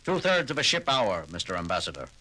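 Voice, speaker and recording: An actor playing a decisive starship captain, speaking in a clipped, commanding, emphatic way in an audio drama. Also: male voice, fairly low pitch, very animated, fast talker, bright, forceful tone, heavily acted. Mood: sharp. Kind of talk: 1970s audio drama acting.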